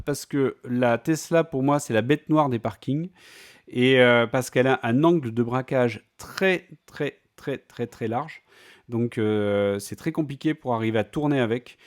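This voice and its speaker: A man talking casually in a vlog, chatty and full of fillers and restarts. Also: mid-range voice. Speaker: vlogger.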